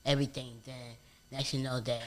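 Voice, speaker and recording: A man, a guest on a casual couch interview, telling stories in an animated way with street slang. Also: mid-range voice, brisk, slight background noise.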